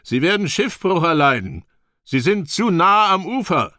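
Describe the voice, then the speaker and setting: A man's voice: high voice, sing-song, measured pace, bright, forceful tone, no echo, studio quality, voice pushed up, full character voice. A man voicing a brash young Norse swordsman in an audiobook, calling out urgently over the wind.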